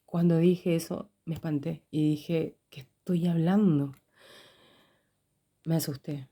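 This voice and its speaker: A woman's voice: sits low, steady tone, slow, dark tone. A middle-aged woman giving an earnest personal religious testimony, repeating phrases for emphasis. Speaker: religious video creator.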